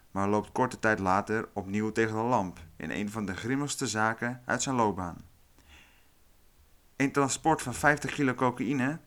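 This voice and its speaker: A man hosting a podcast, reading a scripted true-crime narration in a calm, measured way. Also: medium pitch. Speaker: podcast host.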